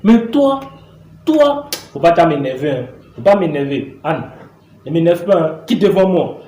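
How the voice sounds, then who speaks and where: A man's voice: fairly high pitch, normal speed, mellow, echoey room, close to an everyday voice. An actor in a comedy sketch playing a demanding father who scolds his grown daughter, exasperated and swearing.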